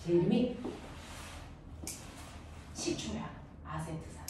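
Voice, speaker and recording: A woman teaching a middle school science class, playfully asking quick check questions and drawing answers from her students. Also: on the low side, lively intonation. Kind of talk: classroom lesson with call-and-response questions. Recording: echoey room, distant mic, background noise.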